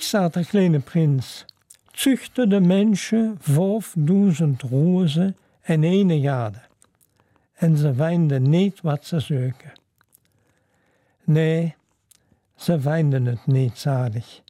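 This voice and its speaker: A slow, measured storybook reading with a very dark, mellow tone. The voice is calm and reflective, recorded close and dry with no room sound. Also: mid-range voice, dry recording. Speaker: narrator of a storybook.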